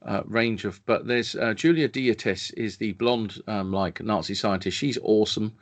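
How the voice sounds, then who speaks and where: A man's voice: lowish voice, unhurried. A man co-hosting a film podcast, talking casually and enthusiastically, often restarting his sentences. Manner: enthusiastic, stumbling over restarts. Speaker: podcast co-host reviewing films. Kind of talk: casual chat.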